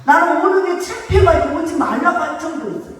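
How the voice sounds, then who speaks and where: Older woman pastor, very high voice, emphatic sermon, booming church reverb, heard from afar. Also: expressive, fast talker. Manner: emphatic, conversational, rising to shouts; engages congregation in call-and-response. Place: church sanctuary. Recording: echoey church hall, voice from far off.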